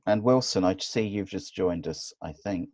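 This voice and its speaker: A man hosting a casual video-call chat, relaxed and asking questions with many fillers. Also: low-pitched, moderate pace, low-quality recording. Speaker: host.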